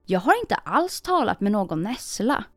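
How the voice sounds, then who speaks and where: A woman's voice: mid-range voice, big pitch swings, no echo, soft background music. A woman voicing a proud, harsh false bride in a storybook reading, speaking sharply. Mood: defensive. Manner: sharp, scolding.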